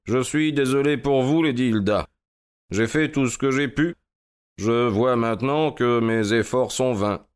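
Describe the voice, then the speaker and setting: A man doing a calm, firm gentleman detective. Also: mid-range voice, clean tone, voice pushed up, natural voice. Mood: measured. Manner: measured, firm, deliberate. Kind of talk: audiobook character voice.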